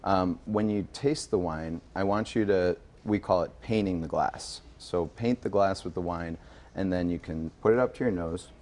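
A man in his thirties, a guest in a TV news studio, gives a casual live wine demonstration, explaining things informally like a sommelier and often checking in with "right?". His voice is low and a little mellow, at a moderate pace.

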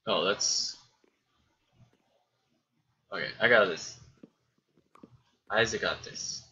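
A man's voice: lowish voice, extremely slow, bright, forceful tone, muffled recording. A man muttering to himself and chuckling as he builds, giving casual gameplay commentary. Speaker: gameplay streamer.

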